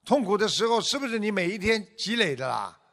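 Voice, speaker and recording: A man giving a Buddhist dharma talk as a teacher, asking his listeners rhetorical questions and tagging sentences with drawn-out particles. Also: sits high, big pitch swings, pushed and bright. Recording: long hall reverb.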